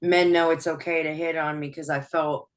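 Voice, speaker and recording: Low-voiced woman guest on an interview, talks openly, laughs a lot, lots of restarts. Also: flat delivery, moderate pace. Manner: open, laughs often, soft-spoken with frequent restarts. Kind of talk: personal interview.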